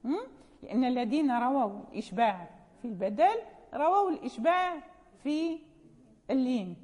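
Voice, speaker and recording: A woman's voice: sits high, lively intonation, normal speed, darkish tone. A woman teaching a lecture on recitation rules, patiently explaining, repeating key terms and checking that her students follow. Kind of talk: classroom lecture. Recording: long hall reverb.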